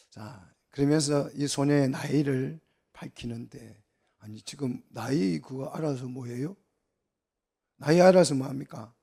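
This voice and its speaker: A middle-aged man preaching a Bible sermon in a gravelly voice that sits a little high for a man. He keeps asking the congregation questions and answers them himself, pushing up with animated emphasis. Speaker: pastor. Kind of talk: expository sermon.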